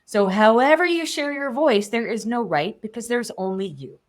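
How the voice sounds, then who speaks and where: Animated woman speaking coach. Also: a little high, moderate pace. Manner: animated, expressive, shifts tone often. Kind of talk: podcast interview, coaching.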